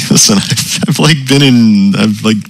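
A man hosting a community call through a voice changer that pitches his voice very deep, chatting casually and checking in with "right?" and "you know". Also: slow, gravelly, no echo, low-quality recording. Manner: relaxed, explains with frequent "right?" and "you know". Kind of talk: casual chat.

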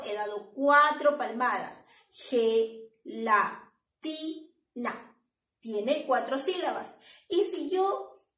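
Slow, high-voiced woman teacher. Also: reverberant, recorded from a distance, poor audio. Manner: slow, clear classroom delivery with claps. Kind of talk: children's lesson.

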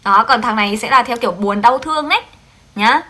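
A woman teaching a Japanese translation class on a livestream, lively and coaxing, often checking in with her students. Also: a little high, fairly quick.

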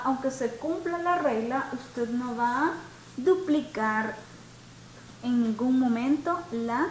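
A woman teaching an English grammar class to students, explaining rules slowly and patiently and switching between Spanish and English. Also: high-pitched. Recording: echoey room, faint background noise.

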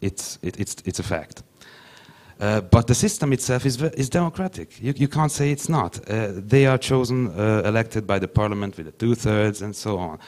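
Speaking into a handheld mic during a panel discussion, a young man whose first language is Hungarian stumbles through English with many restarts. The voice is lowish, slightly mellow.

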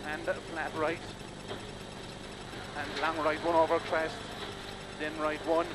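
A male rally co-driver reading rapid pace notes in terse, clipped calls of directions and numbers inside a moving car. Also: fairly high pitch, level tone. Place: inside a rally car at speed on country lanes. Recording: very loud car engine noise. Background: loud engine and vehicle noise.

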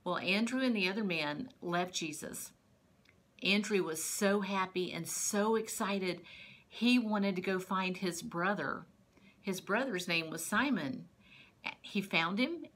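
A woman's voice: medium pitch, slow, fairly bright tone. A woman teaching a Bible lesson to young children as a patient storyteller. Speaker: Sunday school teacher.

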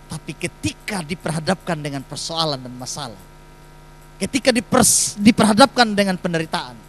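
A man's voice: high-pitched, fairly bright tone, slight background noise, low-quality recording. A man, preaching a sermon in a church and putting emphatic rhetorical questions to the congregation. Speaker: pastor.

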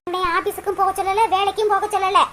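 A fretful mother from a cartoon, voiced by a performer, talking fast in an extremely high, squeaky voice. She nags and pleads with her grown son. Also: flat delivery, a bit bright, a little hiss or hum. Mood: nagging. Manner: pleading, nagging.

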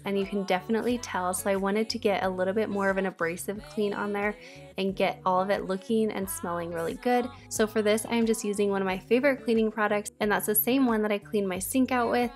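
A woman, chatting casually in voice-over about cleaning her home and asking viewers for advice. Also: mid-range voice. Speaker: cleaning vlogger. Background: faint background music.

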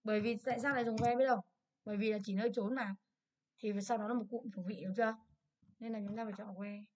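Brisk Vietnamese woman teaching English. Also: fairly high pitch, steady tone, darkish tone, highs cut off. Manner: brisk, asks many checking questions. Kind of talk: exam review lesson.

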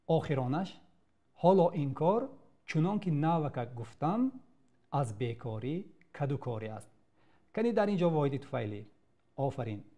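A man's voice: on the high side, dark tone. A man with a Tajik accent teaching a grammar lesson, addressing students and praising their answers.

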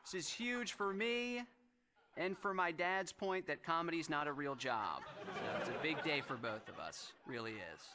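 A man's voice: a little high, moderate pace, noisy background. A man doing a stand-up set, telling a story about a friend. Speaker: stand-up comedian.

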